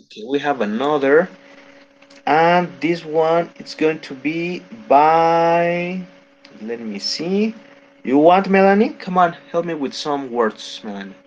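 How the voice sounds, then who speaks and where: A man's voice: a little high, animated, slow, dull audio. Guy teaching english, patient and encouraging, slight noise behind. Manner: encouraging, corrects pronunciation patiently. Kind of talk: online class teaching.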